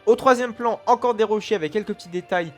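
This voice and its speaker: A man's voice: high-pitched, fast talker, faint music behind. A man hosting a let's play, giving casual, rambling commentary full of fillers and restarts.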